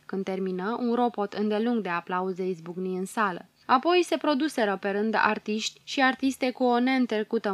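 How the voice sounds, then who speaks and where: A woman reading a fairy tale aloud as an audiobook, in calm, measured storytelling. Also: medium pitch, dry recording. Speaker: audiobook reader. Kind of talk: scripted narration of a children's tale.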